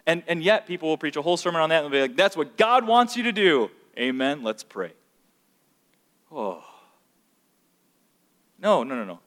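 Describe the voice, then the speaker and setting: In a reverberant hall, a man runs an interactive Bible lesson, tossing questions out to the class. His energy shows as his pitch and loudness rise each time he drives a point home.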